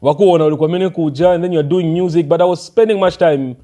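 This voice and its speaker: Brief: young Zambian man, slightly high mellow voice, relaxed interview guest. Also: quick pace. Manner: relaxed, mixes English and local language, many fillers. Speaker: rapper guest. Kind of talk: casual interview chat.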